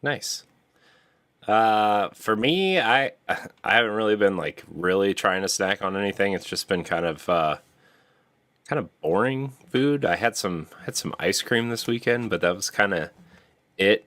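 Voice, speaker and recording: A man's voice: lowish voice, a little slow. A man co-hosting a podcast in a casual, playful, joking way. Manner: playful, jokey, lively. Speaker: podcast co-host. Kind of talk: casual chat.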